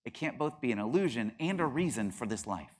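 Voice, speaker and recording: A man's voice: medium pitch, brisk. A middle-aged man teaching a class, arguing his points with rising emphasis and acting out quoted voices. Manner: animated, acts out quoted voices with bursts of laughter. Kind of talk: classroom lecture.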